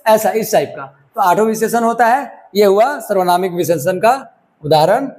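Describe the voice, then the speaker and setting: A man with a high-pitched, darkish voice teaches a grammar lesson for exam preparation, recorded on a microphone. He talks to students in a loose, conversational way, often checking that they are following.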